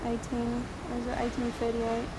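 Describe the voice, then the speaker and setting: Her voice is on the high side and monotone, delivered at normal speed. A young paranormal vlog host, she chats through a casual night exploration of a cemetery, reading names off headstones amid the noise of the outdoors.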